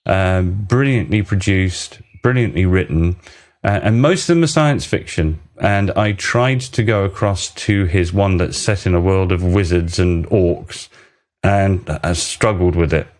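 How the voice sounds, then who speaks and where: Excitable low-voiced podcast host. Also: male voice, a little slow. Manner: rambling, excitable, laughing. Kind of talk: casual podcast chat.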